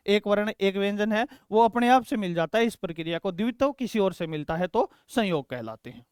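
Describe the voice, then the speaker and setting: A man's voice: sits high, clear, resonant tone, dry recording, studio quality. A man teaching an exam-prep grammar lesson, explaining step by step, repeating key words and addressing students fondly.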